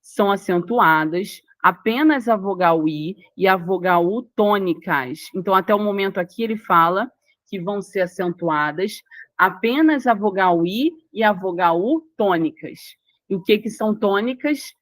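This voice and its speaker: A woman's voice: mid-range voice, moderate pace, no echo. A woman with a Brazilian Portuguese accent teaching a grammar lesson for exam prep, explaining rules step by step, repeating key words and checking whether the listener follows.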